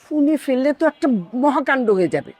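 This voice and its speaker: An actress playing a fretful middle-aged mother and wife who complains and hushes her family. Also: high-pitched, big pitch swings, quick pace. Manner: complaining, hushing. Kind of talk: TV drama acting.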